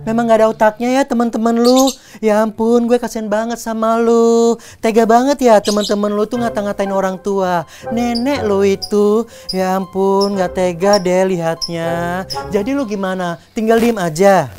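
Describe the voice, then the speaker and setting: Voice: mid-range voice, steady tone, normal speed, a little mellow, soft background music. Teasing voice in a comedy skit.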